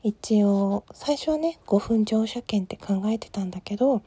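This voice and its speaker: A woman host whispering softly through a calm late-night solo talk, with many small fillers. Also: medium pitch, moderate pace, husky, dry recording. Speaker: podcast host.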